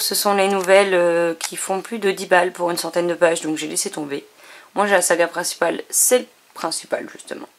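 Chatty French-speaking woman touring her bookshelf. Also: lowish voice. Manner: chatty listing with frequent self-corrections. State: short on sleep. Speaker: book vlogger. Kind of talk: casual bookshelf tour chat.

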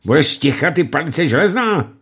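A man's voice: fairly high pitch, sing-song, creaky, fairly bright tone, slightly rough, pitched above the performer's own voice, full character voice. A man voicing a furious, blustering nobleman lord who bellows threats. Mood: scornful.

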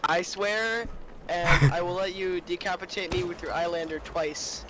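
A young man hosting a casual gaming session, chatting excitedly with a friend and repeating himself when reacting. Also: high voice, measured pace, background noise. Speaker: gamer and channel host.

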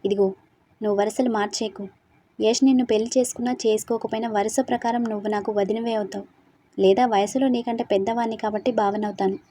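Chatty teasing young man, dark husky tone as a woman narrator puts him on. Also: on the high side, fairly even intonation, fast talker, natural voice. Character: joking easygoing young man.

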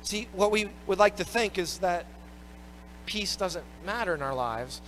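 A man pastor preaching a sermon, expressive, swinging between loud emphatic bursts and quiet low phrases. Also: unhurried, slight background noise. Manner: expressive preaching, rising and dropping in pitch and volume.

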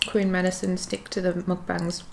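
A shy, awkward young woman chatting hesitantly while she eats at home, in a fairly monotone voice with many ums. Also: on the low side, normal speed, vocal fry, a little hiss or hum. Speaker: YouTube creator. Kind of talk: casual mukbang chat while eating. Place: at home indoors by a window.

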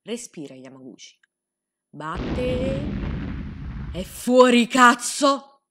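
Bright, excitable young woman. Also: a little high, very slow, slight background noise. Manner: excitable, sarcastic, swears freely. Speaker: anime recap host. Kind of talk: comedic episode recap.

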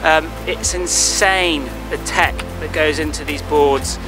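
Surfer host, thirties, slightly high voice, relaxed rambling talk to camera outdoors with music behind. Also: male voice, slow, low-quality recording. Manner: relaxed and rambling, lots of ums and likes. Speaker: big-wave surfer and vlogger. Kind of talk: casual piece to camera. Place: outdoors on a clifftop by the sea at dusk. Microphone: camera close-up.

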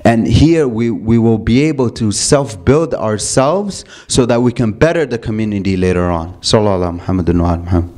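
A man's voice: lowish voice, fairly quick, hardly any pauses, a little mellow. A young man lecturing youth on faith in a community hall, asking rhetorical questions and often restarting his phrases.

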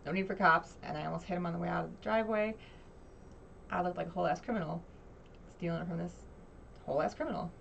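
A woman's voice: lowish voice, fast talker, creaky, pauses often, a bit bright. A woman casually telling a long story as she reacts to a clip, blunt and profane, rambling from one detail to the next. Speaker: host responding to a podcast clip. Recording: dull lo-fi sound with faint noise.

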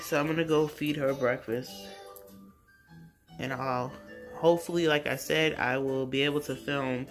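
A woman in her thirties chatting casually in a home vlog while cleaning her apartment, rambling with fillers. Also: a bass voice. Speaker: mom vlogger. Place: home apartment kitchen and living room. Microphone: phone camera held close or propped.

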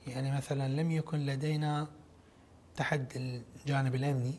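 A middle-aged man with an Iraqi Arabic accent giving a formal television interview in a measured, halting way with pauses. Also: medium pitch, level tone, darkish tone, slight background noise. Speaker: interview guest, official. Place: large indoor lobby, seated interview. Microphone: lapel microphone.

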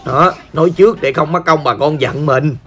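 Gaming host: hoarse Southern Vietnamese man, high and sharp-toned, playful chatty commentary. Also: normal speed. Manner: playful, joking, talks straight to viewers. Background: faint background music.

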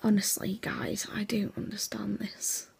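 A young woman rambles through a casual vlog chat. Her voice is hoarse and nearly gone, a gravelly, breathy half-whisper. She sounds drowsy, piling on fillers as she talks. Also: medium pitch, flat delivery, unhurried, darkish tone. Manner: rambling, chatty, with many fillers. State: sleepy, yawning. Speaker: vlogger.

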